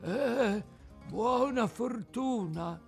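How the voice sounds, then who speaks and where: A man's voice: very high voice, animated, drawn-out words, vocal fry, soft background music, voice pushed up, heavily acted. A man voicing a resigned, philosophical old male tuna with a cracked, out-of-tune voice, in an audiobook reading. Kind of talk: audiobook character voice.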